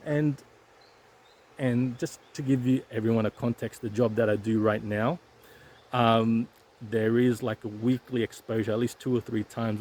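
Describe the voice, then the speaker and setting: A YouTuber shares stuttering advice while vlogging outdoors on a hike, talking casually to camera about his stutter with frequent repeated sounds and restarts. His mid-range voice is a little mellow and has vocal fry. The weak, shaky handheld setup picks up a little hiss or hum.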